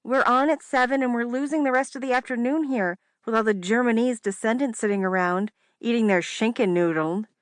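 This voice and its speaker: A woman's voice: fairly high pitch, a little fast, few pauses, no room sound, clean studio sound, voice pushed up, close to an everyday voice. A woman voicing a teasing young woman, the narrator's little sister, in a breezy, joking way.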